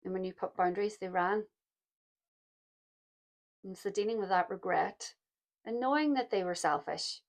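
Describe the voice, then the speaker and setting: A woman with a croaky voice giving a pick-a-card tarot reading, speaking softly and reflectively and calling her listeners "my loves". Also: medium pitch, normal speed, pauses often. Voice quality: gravelly. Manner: soft-spoken, reflective, addresses listeners as "my loves". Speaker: tarot reader.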